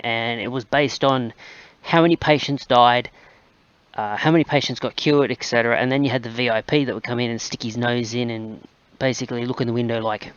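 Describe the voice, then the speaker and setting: A man's voice: mid-range voice, no echo, highs cut off. A man hosting a gaming channel, chatting casually and rambling with plenty of fillers as he plays. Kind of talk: casual gameplay commentary.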